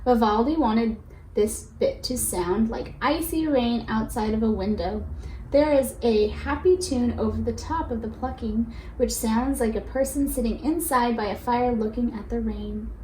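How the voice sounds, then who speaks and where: Reading a children's picture book to her listeners, a woman teacher pauses to explain and draws them in with questions and prompts. Her fairly high voice has a darkish tone, and her delivery is unhurried. Faint background noise and a roomy echo color the audio.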